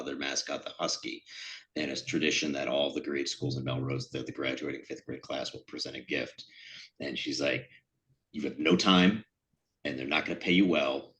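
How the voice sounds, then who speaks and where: Man, middle-aged, New England accent, extremely low voice, casual slide talk, filler-heavy and self-deprecating. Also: fairly bright tone. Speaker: sculptor presenting his work. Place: event room.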